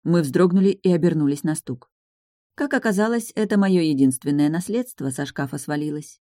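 A woman narrating a first-person audiobook in an even storytelling manner. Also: sits low, moderate pace, no room sound, clean studio sound.

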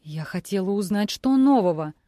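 A woman reading aloud voices a shrill, tearful, accusing middle-aged ex-wife who nags and taunts. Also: animated, moderate pace, warm tone, no room sound, clean studio sound, natural voice.

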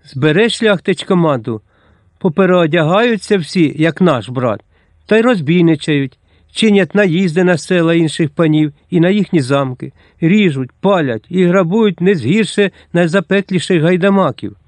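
A man's voice: fairly high pitch, animated, moderate pace, darkish tone, no room sound, voice pushed up, lightly acted. A man voicing a hot-tempered Cossack colonel who speaks vehemently and with passion. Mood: indignant. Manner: impassioned, vehement.

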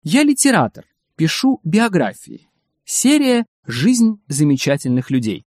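A brisk, smooth-talking biographer with a confident, persuasive edge, as a male reader puts him on. His voice sits fairly high and swoops lively up and down. The recording is close and dry. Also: dry recording. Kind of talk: audiobook character reading.

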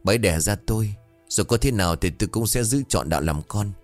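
A tired, gentle village husband from a spoken ghost-story tale, voiced by the narrator. He speaks low, calm and consoling, his voice tired. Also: fast talker, soft background music, natural voice. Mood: weary.

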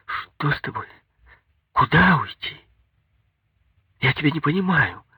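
A man's voice: animated, a little slow, fairly bright tone, slightly rough, no room sound, exaggerated voice. A man voicing a young wife in an audiobook, anxious, tearful and pleading. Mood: bewildered. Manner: pleading, high-pitched.

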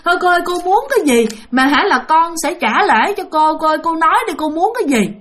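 A woman's voice: high-pitched, moderate pace, a bit bright. A woman voicing a frightened wife urgently pleading with a spirit in a spoken ghost story. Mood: begging.

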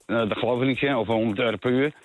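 A man's voice: medium pitch, rapid-fire, soft background music. A man calling in to a radio show, indignant and stumbling over restarts as he makes his point. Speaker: caller. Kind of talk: phone-in call. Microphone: phone. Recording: tinny crackling phone line.

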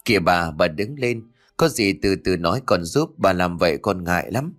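A man's voice: sits low, lively intonation, moderate pace, a bit bright, soft background music. A man voicing a young male exorcist who is grumpy but kind, speaking bluntly. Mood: gentle. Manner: grumbling, blunt.

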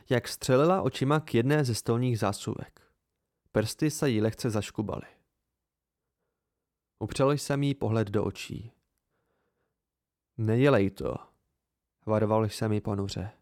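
A man narrating an amateur audiobook in steady first-person storytelling. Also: medium pitch, no room sound, studio quality. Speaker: audiobook reader.

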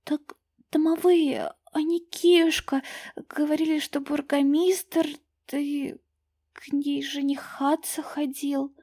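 A woman voicing a frightened, tearful young woman who pleads in a high, loud voice in a storybook reading. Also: normal speed, natural voice. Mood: hopeful, confused.

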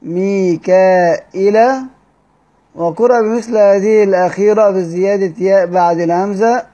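A man with an Egyptian accent teaching Quranic readings in a study-circle lecture, explaining step by step and drawing out key words slowly. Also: high voice, steady tone, warm tone. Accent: Egyptian Arabic. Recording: dull lo-fi recording.

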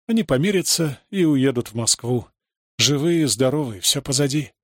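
A man reading a story aloud as narrator, in a measured, dramatic way. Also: medium pitch, lively intonation, dry recording, clean studio sound. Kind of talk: audiobook reading.

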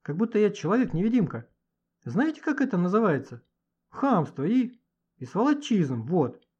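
A man reading an audiobook and voicing a feisty, quick-tempered schoolgirl in a shrill, indignant voice. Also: expressive, darkish tone, breathy edge. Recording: dull lo-fi audiobook recording.

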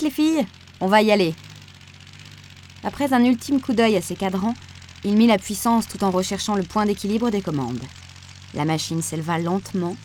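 A woman narrating a novel aloud in an audiobook, with a measured, even reading. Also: mid-range voice, slight background noise. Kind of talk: scripted narration.

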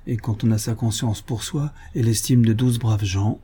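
A man's voice: on the low side, fairly even intonation, normal speed, dark tone, slightly rough. A man voicing a frightened male servant, a murder suspect who stammers and protests his innocence. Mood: defiant.

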